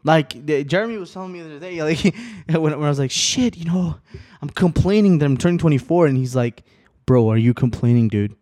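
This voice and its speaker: A man's voice: on the high side, animated, brisk, dark tone. A man in his twenties hosting a podcast, rambling casually, swearing a lot and laughing often. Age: 20s. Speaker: podcast host.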